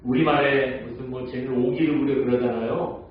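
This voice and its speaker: A man preaching a Sunday sermon as pastor. He tells stories, asks the congregation questions and acts out quoted lines in a softer, slower voice. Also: medium pitch, fairly even intonation, slight background noise. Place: church sanctuary. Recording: echoey church hall, mic at a distance, dull sound.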